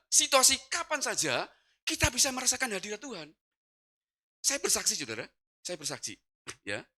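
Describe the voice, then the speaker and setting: Forceful, animated male pastor. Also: high voice. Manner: animated storytelling, acting out gasps and cries. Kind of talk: sermon with personal testimony.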